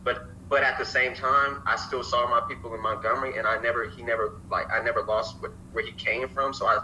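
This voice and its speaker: A young man from Alabama talking in an animated casual chat, swearing freely and often checking in with his listeners. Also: mid-range voice, brisk, slight background noise, low-quality recording. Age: young adult. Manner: animated, swears freely, keeps saying "you feel me".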